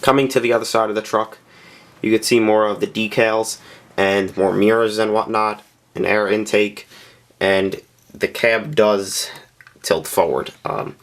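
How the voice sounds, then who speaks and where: A man with a deep, low-pitched voice walks through a scale model in a casual review. He speaks plainly and candidly, stopping often to fill gaps with small hesitations as he points things out. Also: fairly even intonation. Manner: hesitant and unscripted, frequent "um" and "uh" pauses. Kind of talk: casual product review narration.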